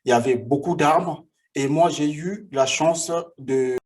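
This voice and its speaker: A man in his forties from the Republic of the Congo, speaking. He tells his own life story in a vlog, halting often and repeating himself. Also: a little high, darkish tone. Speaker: vlogger.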